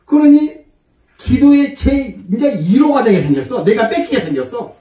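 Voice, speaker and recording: Middle-aged male pastor, folksy storyteller, high lively voice, far off in an echoey hall. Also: normal speed. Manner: folksy storytelling, acts out his mother's voice. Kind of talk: sermon. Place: church.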